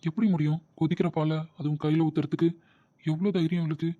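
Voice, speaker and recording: A man's voice: on the high side, flat delivery, fast, mellow, no echo, highs cut off, close to an everyday voice. A man voicing a caring, protective older brother who coaxes and reassures his sister. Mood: brooding. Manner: coaxing, reassuring, brooding when alone.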